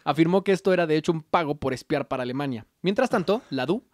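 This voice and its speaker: A man's voice: a little high, expressive, fast talker, dry recording. A young man with a Mexican accent telling a history story in a casual podcast chat. He jokes and slips into slangy voices for the people in it. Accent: Mexican Spanish. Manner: joking, slangy, acts out characters while narrating.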